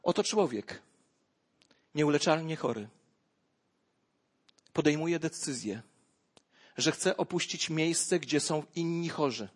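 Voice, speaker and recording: Male preacher, husky and fairly high, dramatic sermon storyteller. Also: slow, pauses often. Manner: dramatic storytelling, swinging from hushed to loud exclamations.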